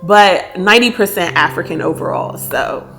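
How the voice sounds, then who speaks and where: A woman's voice: on the low side, moderate pace, vocal fry, music in the background. A woman from Washington, D.C., co-hosting a casual chat, telling stories in a chatty, giggly way. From Washington, D.C., United States. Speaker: podcast co-host.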